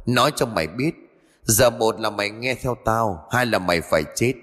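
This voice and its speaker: A man's voice: on the low side, normal speed, fairly bright tone, long reverb tail. Man voicing a menacing, domineering ghost. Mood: threatening. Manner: threatening, commanding.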